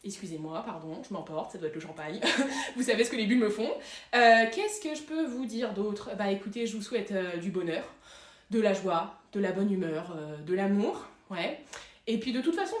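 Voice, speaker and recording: A woman's voice: mid-range voice, lively intonation, a little fast, lightly acted. A woman playing a tipsy, passive-aggressive female guest rambling through a wedding speech. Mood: bitter. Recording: echoey room.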